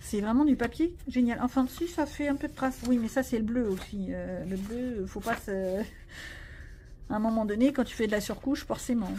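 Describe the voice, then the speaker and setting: A woman's voice: on the high side, moderate pace, mellow, a little hiss or hum. A woman vlogging casually about her coloring pages, rambling and joking at herself with lots of fillers. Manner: chatty, rambling, self-mocking, many fillers. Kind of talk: casual chat.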